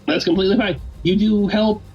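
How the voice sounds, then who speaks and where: A game master narrates a tabletop game in a loose, rambling way and often restarts sentences. The recording sounds slightly muffled. Quiet music sits underneath. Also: mid-range voice, fairly even intonation, fairly quick, breathy edge. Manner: rambling, self-correcting, laughing.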